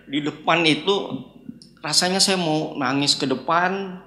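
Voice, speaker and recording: A man giving a personal faith testimony as a guest, telling his story lively and shifting between hushed and loud moments. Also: on the high side, measured pace, reverberant.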